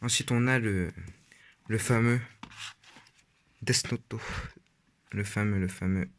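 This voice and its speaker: A man's voice: lowish voice, steady tone, moderate pace, a little hiss or hum. Rambling teen guy, casual. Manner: rambling, hesitant with many fillers. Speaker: vlogger. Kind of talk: casual shelf tour.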